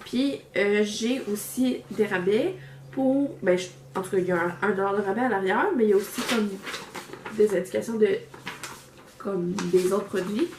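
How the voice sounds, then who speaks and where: A woman with a Québécois accent talks through an unboxing in a loose, rambling way, full of fillers and restarts. Her voice sits at an ordinary pitch and is picked up by a camera mic. The room is echoey, with a faint hiss of noise behind her. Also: moderate pace, darkish tone. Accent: Québécois French. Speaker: vlogger reviewing a subscription box. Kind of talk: casual unboxing chat. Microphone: camera microphone.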